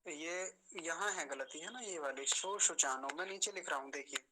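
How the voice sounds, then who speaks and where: Bright-voiced man carefully teaching pronunciation. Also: fairly high pitch, slight background noise, low-quality recording. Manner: slows down to spell out syllables, repeating words carefully; patient, polite, addresses students respectfully. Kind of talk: online pronunciation lesson.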